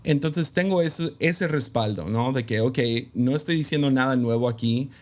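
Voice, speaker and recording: A medium-pitched, slightly mellow male voice at normal speed belongs to an interview guest, a pastor's son who preaches. He talks candidly and reflectively in a conversational interview, hesitating with many fillers.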